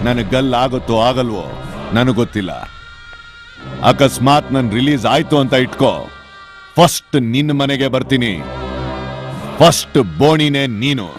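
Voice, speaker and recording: A man's voice: mid-range voice, normal speed, pauses often, lightly acted. An actor playing a cold, defiant male convict who taunts those around him in a sneering voice. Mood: mocking. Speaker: condemned criminal. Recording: film dialogue with music underneath.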